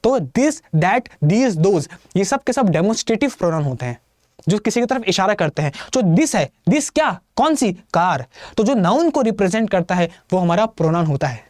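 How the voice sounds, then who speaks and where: A man's voice: high voice, big pitch swings, moderate pace, a little mellow, no echo, studio quality. A man teaching grammar in a classroom lecture style, constantly asking his students questions and answering them himself, with English terms mixed into his talk.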